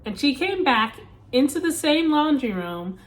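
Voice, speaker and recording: A woman vlogger casually retelling a story, animated and emphatic, with asides to her viewers. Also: high voice, a little slow.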